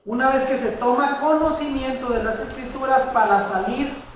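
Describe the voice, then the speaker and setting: A man's voice: very high voice, normal speed. Male religious teacher, conversational sermon delivery full of rhetorical questions, recorded off-mic in a very echoey room. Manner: asks rhetorical questions, addresses listeners as brother. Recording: very echoey room, distant mic, faint noise.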